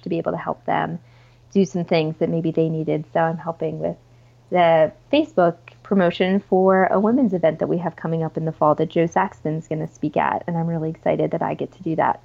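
A woman's voice: on the low side, vocal fry, lo-fi sound. A woman chatting casually as a podcast guest, informal and enthusiastic, with plenty of "like" and "you know". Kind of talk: casual, chatty interview conversation.

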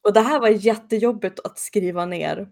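A woman casually recapping a TV episode, animated and jumping into quick comic voices for the characters. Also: mid-range voice, creaky.

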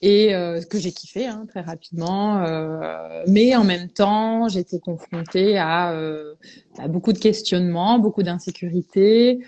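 A woman's voice: on the low side, measured pace, mellow, lo-fi sound. A woman from Belgium, a veterinarian guest, tells her story in a reflective, hesitant way in a casual podcast interview.

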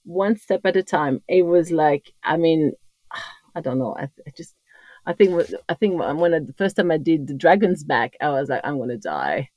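Speaking at a normal speed in a low-pitched, darkish, expressive voice, a French-accented Corsican woman in her fifties chats as a podcast guest. She's a trail runner, and her casual interview talk rambles with many restarts, recorded with no room sound.

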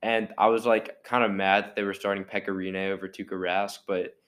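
A man's voice: on the low side, level tone, a little fast, a bit bright. A young man co-hosting a casual sports podcast, talking loosely with many fillers and a mocking edge. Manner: rambling, filler-heavy, mocking. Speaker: podcast co-host. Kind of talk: casual chat.

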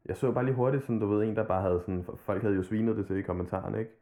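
A man's voice: fairly low pitch, fairly even intonation. A man chatting casually on a podcast, rambling loosely and swearing freely. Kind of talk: casual chat about hip-hop. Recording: tinny phone-like line.

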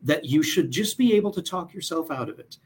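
A man's voice: on the high side, animated, fairly quick, slightly rough. A man speaking as a mental health guest in a casual interview, earnest and thoughtful, with frequent fillers.

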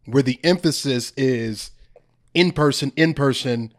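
A man's voice: mid-range voice, a little slow. A man hosting a casual commentary chat, slangy and repeating phrases for emphasis. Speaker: host.

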